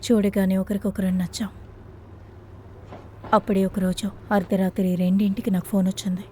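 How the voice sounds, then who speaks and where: An actress dubbing a composed, guarded woman who speaks in a measured way. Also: medium pitch, level tone, darkish tone, a little hiss or hum, lightly acted. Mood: reflective. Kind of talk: dubbed film acting.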